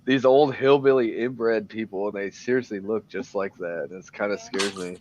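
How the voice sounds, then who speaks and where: A man's voice: fairly low pitch, steady tone, normal speed, noisy background. Rambling trucker man, lo-fi sound. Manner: rambling, heavy on "like", laughs often. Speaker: truck driver. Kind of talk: casual group chat. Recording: dull lo-fi recording.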